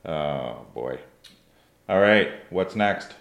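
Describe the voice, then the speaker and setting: A man's voice: a bass voice, lively intonation, very slow, vocal fry, fairly bright tone. A man hosting a casual chat with a band, jokey and easygoing. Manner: jokey, easygoing, lots of fillers. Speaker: podcast host. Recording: echoey room.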